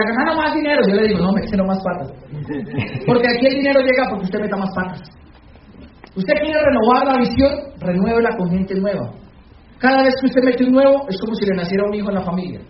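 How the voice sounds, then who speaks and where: High-voiced man in an echoey hall. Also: slight background noise. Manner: questions the audience directly; acts out shouted calls. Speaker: speaker at a business meeting. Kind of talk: motivational talk. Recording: echoey, dull hall recording from far off.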